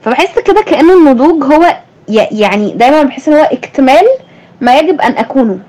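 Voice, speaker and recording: A young woman with an Egyptian Arabic accent and a high, mellow, expressive voice talks fast as she hosts a reflective conversation, asking her guest thoughtful questions. The recording quality is low.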